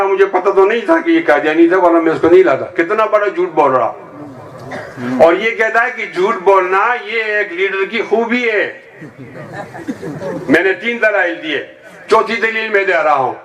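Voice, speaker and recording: High-voiced man preaching a fiery sermon. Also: fairly bright tone, low-quality recording. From Pakistan. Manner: rousing, leads the crowd in chants; emphatic and combative.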